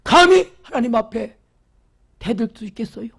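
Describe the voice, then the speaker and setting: A pastor giving a fervent church sermon, repeating phrases, asking the congregation questions, and dropping from loud exclamations to whispers. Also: mid-range voice, expressive, normal speed, creaky, slightly rough.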